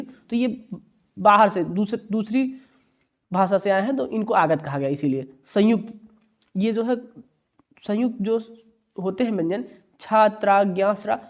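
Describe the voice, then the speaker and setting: A man teaching a lesson, who explains step by step, repeats his definitions and slowly sounds out letters. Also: high-pitched, darkish tone. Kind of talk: classroom-style lecture.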